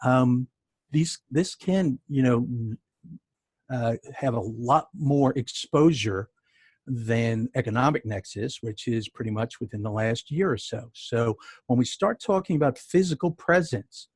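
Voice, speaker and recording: A man's voice: medium pitch, unhurried, darkish tone, husky, no echo. A man with a New York accent presenting a webinar as a sales tax consultant, talking in a conversational way with many fillers and wry jokes.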